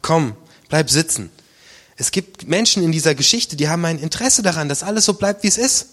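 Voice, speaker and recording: A man's voice: a little high, animated, quick pace, a bit bright. A man preaching a sermon as pastor, in a colloquial, vivid way that acts out the voices he quotes. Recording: long reverb of a large hall.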